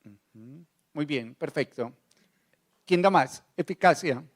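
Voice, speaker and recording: A man's voice: on the high side, takes it slowly. A man giving a motivational conference talk, quizzing the audience with short questions. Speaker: conference speaker.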